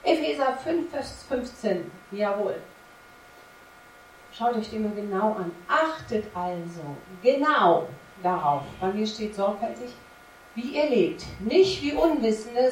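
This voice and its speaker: A woman's voice: fairly high pitch, darkish tone, a little hiss or hum. A woman preaching a sermon to her congregation, emphatic and full of rhetorical questions. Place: church service. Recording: echoey room from a distance, faint ambience.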